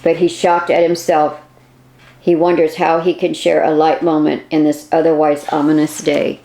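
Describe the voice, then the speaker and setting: A woman narrating a mystery novel in a measured, plain reading. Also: deep voice, completely flat delivery, dark tone. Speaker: audiobook narrator. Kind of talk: audiobook narration.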